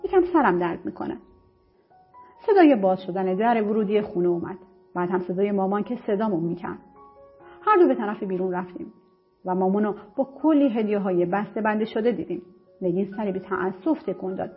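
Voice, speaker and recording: A woman narrating an audiobook story in the first person, lively and conversational. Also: medium pitch. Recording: muffled lo-fi recording with faint music. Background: faint music.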